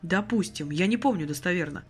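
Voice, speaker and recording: A woman voicing a furious, desperate young man who shouts and breaks down, in an audiobook reading. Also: a little high, very animated, fairly quick, faint music behind, voice pushed up. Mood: cold insistent.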